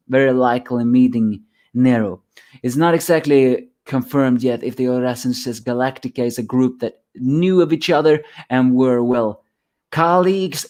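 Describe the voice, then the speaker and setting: A man's voice: medium pitch, darkish tone. Rambling man reviewing a manga chapter. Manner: rambling, repeats and restarts words. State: sleepy, yawning. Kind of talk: solo spoken chapter review.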